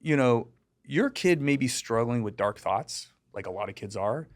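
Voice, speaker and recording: At a moderate pace and mid-range pitch, a middle-aged deputy from the United States who teaches digital safety chats through stories in an interview. He's casual and animated, uses plenty of fillers, and acts out the people he quotes.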